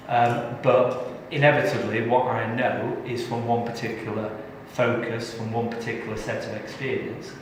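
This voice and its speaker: A man's voice: medium pitch, slight background noise. A middle-aged man from England giving a live tax training session, chatty and joking with the audience. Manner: jokey, chatty, engages the audience. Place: large training room. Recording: echoey hall from far off.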